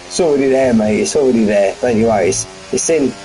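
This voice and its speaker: A man's voice: medium pitch, fast, warm tone, faint music behind, rough recording. A man giving live race commentary on a stream from his front room at home, chatty and full of banter with his viewers. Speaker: sim racing commentator.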